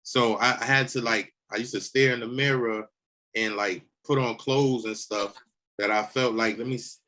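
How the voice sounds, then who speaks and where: A young man hosting an easygoing interview, his voice in a middle pitch. He talks loosely and conversationally, often restarting and repeating words as he works out his point. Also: steady tone, normal speed, pushed and bright. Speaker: host. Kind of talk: casual interview chat.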